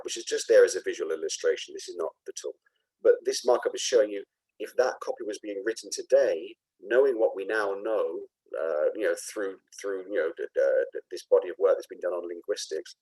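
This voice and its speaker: A man with a Cockney accent walks through a product demo in an unscripted, halting way, full of restarts and fillers. His voice sits very low and has a husky edge. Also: a little mellow, low-quality recording. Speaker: presenter.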